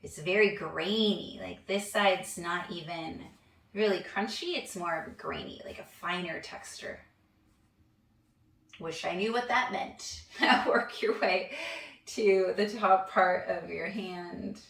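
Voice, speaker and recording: A young woman guides a hand massage practice in a relaxed, chatty way. Her voice is low with a gravelly edge. She sounds a little away from the mic in an echoey room. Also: takes it slowly, distant mic. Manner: relaxed, chatty, laughs at herself. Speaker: yoga instructor.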